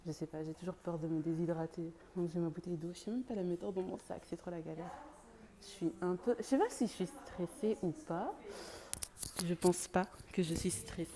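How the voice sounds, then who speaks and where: A woman's voice: fairly low pitch, a little fast. Woman vlogging over faint vehicle noise. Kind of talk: casual vlog chat.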